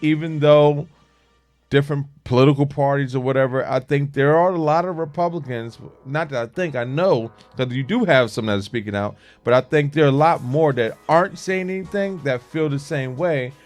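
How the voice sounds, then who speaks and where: A man co-hosting a morning radio show in casual DJ chat, repeating phrases as he builds his point. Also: medium pitch. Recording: music playing behind. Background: music.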